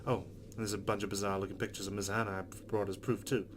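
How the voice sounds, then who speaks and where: A man with a fairly low voice reads visual novel narration aloud at a fast clip, tossing in casual reactions of his own like a let's play host. Steady, loud background noise runs throughout.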